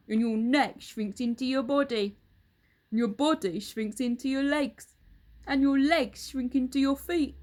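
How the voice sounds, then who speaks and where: A woman's voice: high-pitched, pitched above the performer's own voice. A woman voicing a sly, cruel old husband from a children's storybook, mocking and drawing out words with emphasis. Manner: emphatic, drawn-out, taunting delivery.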